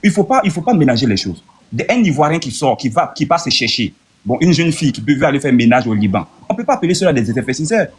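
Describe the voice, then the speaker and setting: A man's voice: medium pitch, big pitch swings. A man in his thirties from Burkina Faso, arguing earnestly and point by point in a debate. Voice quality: husky. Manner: earnest, rapid, reasoning point by point. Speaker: debate participant. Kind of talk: heated debate argument.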